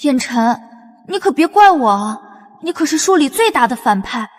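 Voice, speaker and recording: An actress playing a clever, sharp-tongued young woman on the run, talking in a brisk, scolding and wry way. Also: sits high, very animated. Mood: cold. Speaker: runaway young lady.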